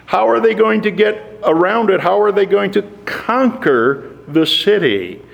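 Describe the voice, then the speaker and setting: A man preaching a sermon, measured and slowing down for emphasis. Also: high voice, animated, gravelly. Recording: long hall reverb.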